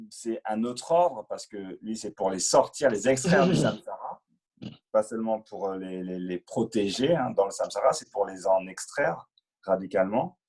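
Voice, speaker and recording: Man, interpreter, patient, halting, husky voice. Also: mid-range voice, darkish tone. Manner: patient, halting, many fillers and repetitions. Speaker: interpreter and Dharma teacher. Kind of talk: explaining a prayer.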